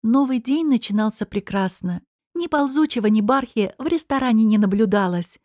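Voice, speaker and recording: A woman narrating a first-person audiobook in a lively storytelling manner. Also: fairly high pitch, moderate pace, dry recording, studio quality.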